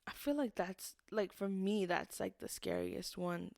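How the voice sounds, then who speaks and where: A woman's voice: mid-range voice, wildly swooping pitch, measured pace, vocal fry, a little mellow, no echo, clean studio sound. Rambling young woman telling a spooky tale. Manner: rambling storyteller with many fillers and acted-out quotes. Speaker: podcast co-host. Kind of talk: casual storytelling chat.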